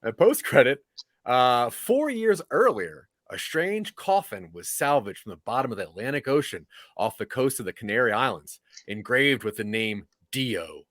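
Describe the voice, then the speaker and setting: A man's voice: medium pitch, normal speed, no room sound. A man telling a season recap to his podcast friends, with a voice that swings up and down as he narrates. He laughs now and then mid-sentence, and the sound is dry and close to the mic. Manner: lively storytelling, laughing between lines. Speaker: podcast co-host summarizing the episode.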